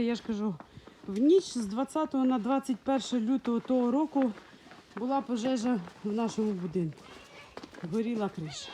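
A woman's voice: on the high side, warm tone, slight background noise. A woman from Ukraine, a dog breeder, talking casually in her vlog in a frosty yard, cooing and baby-talking to her dogs into a handheld phone.

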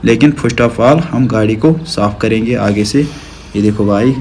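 A young adult trucker vlogger from Kashmir, with a lowish, darkish voice and a slightly slow delivery, shows off his rig in a casual walkthrough. Friendly and eager to show viewers around, he films with a phone camera at arm's length outdoors beside parked trucks and in the cab, with a little hiss or hum audible.

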